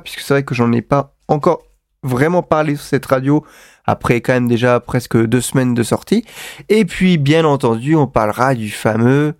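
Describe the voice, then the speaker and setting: A man's voice: medium pitch, darkish tone, dry recording, clean studio sound. A man hosting a live web radio show, chatty and self-mocking, rambling with many fillers. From France. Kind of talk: casual live radio monologue.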